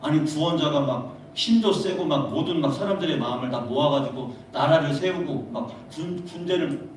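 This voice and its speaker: A man's voice: on the high side, normal speed. A man preaching a conversational sermon to teenagers, acting out the voices he quotes. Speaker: pastor. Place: church sanctuary. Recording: echoey, distant room mic, faint noise.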